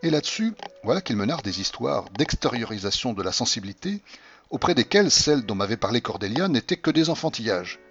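A man reading a classic novel aloud as an audiobook narrator, with expressive storytelling delivery. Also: medium pitch, brisk, slightly rough, soft background music. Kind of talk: scripted literary narration. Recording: dull lo-fi audio.

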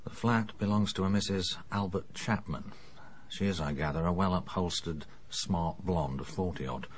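An actor playing a middle-aged English police inspector, dry, sardonic and matter-of-fact in a radio drama. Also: male voice, low-pitched, moderate pace, slight background noise, natural voice. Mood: briskly reporting.

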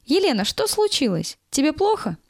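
A woman's voice: high voice, very animated, moderate pace, creaky, no echo, clean studio sound, voice pushed up, exaggerated voice. Woman voicing a coaxing, chiding older kindergarten staffer. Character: older female kindergarten staffer, kindly but scolding.

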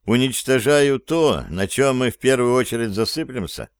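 A man voicing a cool, cocky male gang leader who gives orders calmly and mocks his crew. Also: mid-range voice, normal speed, clean tone, no echo, close to an everyday voice. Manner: calm, commanding, mocking.

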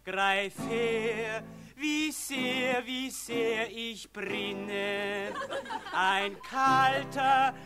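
A man playing a cousin who sings a slow, mournful love song in a 1950s stage drama recording. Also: very high-pitched, loud music behind the voice, full character voice. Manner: singing slowly, drawn out.

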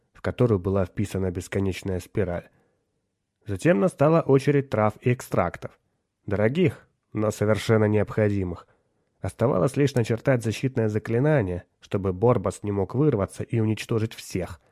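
Male audiobook narrator, low voice, steady telling, dry close sound. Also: dry recording.

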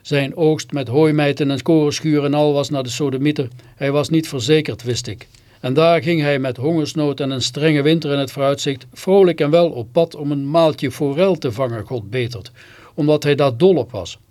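A man's voice: a little high, normal speed, darkish tone. A man reading a first-person story on literary radio in a theatrical, scornful way, with sudden bitter outbursts.

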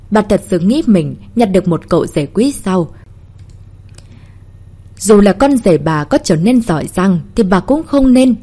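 Expressive, husky-voiced woman reading a story. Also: lowish voice. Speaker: narrator.

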